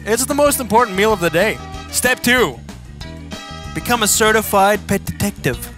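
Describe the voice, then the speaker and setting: A man doing a frantic American infomercial pitchman. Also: lively intonation, moderate pace. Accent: thick American. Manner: frantic, shouting sales pitch. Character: pushy hyperactive male infomercial pitchman. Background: music.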